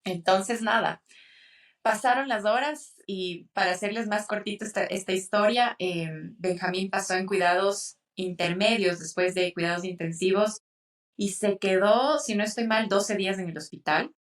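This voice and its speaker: A young woman co-hosting a podcast, telling a personal birth story in an emotional, animated way. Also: medium pitch, moderate pace, distant mic. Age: young adult. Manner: tearful, animated retelling with acted quotes. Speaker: podcast co-host.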